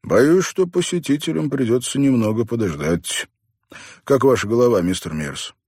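A man voicing a brisk, friendly male doctor with a teasing manner. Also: mid-range voice, animated, darkish tone, breathy edge, dry recording, clean studio sound, pitched above the performer's own voice. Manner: brisk, joking.

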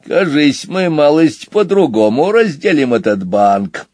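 A man doing a shrill, hot-tempered otter rogue. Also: unhurried, dry recording, studio quality. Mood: sly. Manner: shrill, excitable, crude.

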